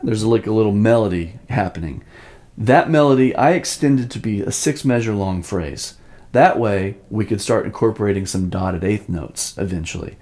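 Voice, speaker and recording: In an informal drum lesson, a man with a lowish, slightly mellow voice speaks animatedly at a moderate pace, walking through each step. Now and then he vocalizes rhythms as syllables to demonstrate them.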